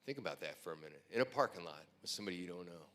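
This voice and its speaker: A man's voice: low voice, expressive, racing. A man who is a pastor, telling earnest, emotional stories to a room at a breakfast event. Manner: earnest storyteller, quiet and emotional at times. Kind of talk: heartfelt speech at a breakfast event. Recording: long hall reverb.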